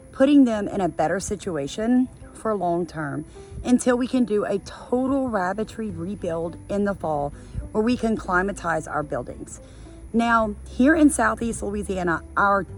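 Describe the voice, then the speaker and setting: A woman hosting a homestead vlog outdoors on a small farm, talking straight to viewers in an emphatic, direct way. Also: medium pitch. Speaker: homesteader and channel host. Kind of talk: casual instructional vlog.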